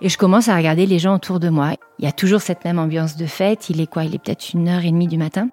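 A woman, recounting a personal memory in a chatty, halting way with many fillers and restarts. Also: lowish voice, steady tone, darkish tone, faint music behind. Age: 40s. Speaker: guest telling her story. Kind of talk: personal testimony storytelling.

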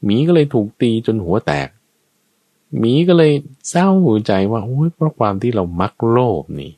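A man's voice: medium pitch, sing-song, normal speed, mellow, dry recording. A man teaching Buddhist ethics in a conversational way, going point by point with everyday examples. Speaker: dharma teacher.

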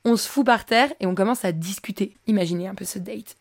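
A young woman at a middle pitch hosts her own podcast, recorded close and dry with no room sound. She tells a personal story in casual slang and keeps slipping into quick acted bits of dialogue. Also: no room sound. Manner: animated, slangy, acts out dialogue in quick bursts. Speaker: podcast host.

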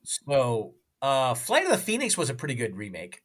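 A man's voice: mid-range voice, wildly swooping pitch, normal speed. A man talking as a podcast guest in a casual film chat, often asking "you know what I mean".

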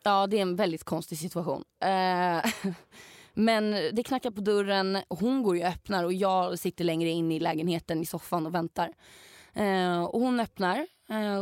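A young woman, a podcast co-host, casually telling a story in an animated way, swearing freely and acting out what people said. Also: fairly low pitch, no room sound, clean studio sound.

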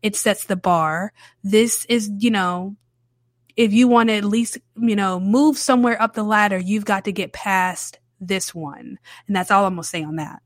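A woman's voice: mid-range voice, normal speed, dry recording, studio quality. Chatty woman hosting a film podcast. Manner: chatty, candid, repeats herself for emphasis. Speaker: podcast host. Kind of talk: casual solo film review. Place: New Orleans.

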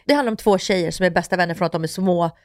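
A woman's voice: fairly low pitch, no echo, studio quality. A young woman co-hosting a podcast, chatting enthusiastically and supportively. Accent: Swedish. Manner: enthusiastic, supportive, recommends shows. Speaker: podcast co-host. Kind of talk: casual chat.

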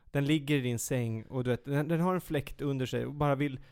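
A man with a gravelly, creaky voice rambles through a casual conversation as a co-host. He corrects himself often and teases his friend in a playful way. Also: mid-range voice, a little mellow. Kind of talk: casual chat.

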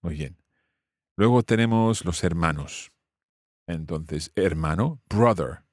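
A man's voice: sits low, animated, takes it slowly, a little mellow, no room sound, studio quality. A man teaching family words in English, explaining patiently and repeating each word for his student. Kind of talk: language lesson dialogue.

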